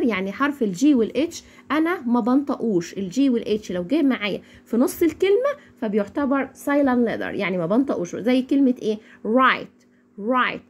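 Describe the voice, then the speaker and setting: A young woman with an Egyptian accent teaching English phonics, repeating each word slowly for learners to echo. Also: high-pitched, darkish tone. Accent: Egyptian Arabic. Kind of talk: phonics lesson.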